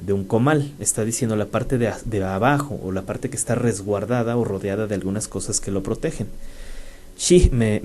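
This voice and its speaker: A man's voice: on the low side, dark tone. A man with a Mexican Spanish accent, hosting a radio talk and explaining things with frequent fillers and restarts. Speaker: radio show host. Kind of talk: educational radio talk on place names. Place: radio studio.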